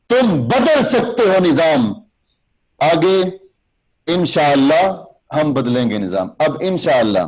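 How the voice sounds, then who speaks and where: A man's voice: mid-range voice, a little mellow, rough recording. A man lecturing a class on public speaking, explaining step by step how to use hand gestures and speaking straight to his students. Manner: recites sample lines in a raised, slow, emphatic voice.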